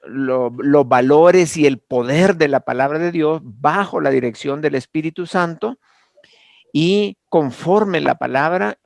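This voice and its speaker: A man's voice: on the high side, creaky, darkish tone, dry recording, clean studio sound. A man teaching an online Bible class, speaking hesitantly with many fillers and restarts.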